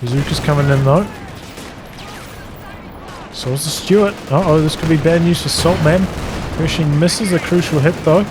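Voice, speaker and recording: A man's voice: fairly high pitch, moderate pace, long pauses, background noise. A man giving live play-by-play commentary on a strategy game in clipped, fragmentary running remarks. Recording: loud game gunfire and explosions behind. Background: video game artillery, gunfire and vehicle sounds.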